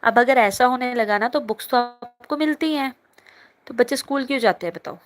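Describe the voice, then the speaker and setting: A woman's voice: fairly high pitch, fairly quick. Chatty woman teacher on a phone live class. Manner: chatty, teasing, reads comments aloud. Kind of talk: live online class, reading chat comments.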